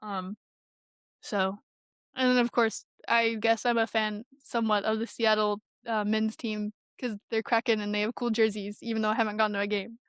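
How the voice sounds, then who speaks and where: A woman's voice: mid-range voice, little pitch movement, moderate pace, smooth, no echo, studio quality. A woman co-hosting a podcast in casual chat, talking chattily with lots of fillers. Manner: chatty, with filler-heavy phrasing. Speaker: podcast co-host.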